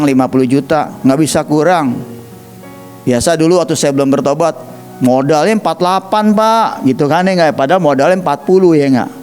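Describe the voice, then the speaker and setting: A man with an Indonesian accent preaching a sermon, telling stories animatedly and acting out quoted voices. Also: fairly high pitch. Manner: animated storytelling, acts out quoted voices, addresses listeners as 'saudara'. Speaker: evangelist preacher.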